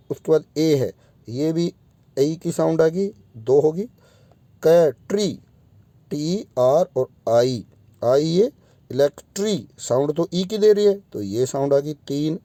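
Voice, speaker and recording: A man's voice: on the high side, warm tone, dry recording. A man teaching English pronunciation in a video lesson, spelling out vowel sounds one by one and addressing his students directly.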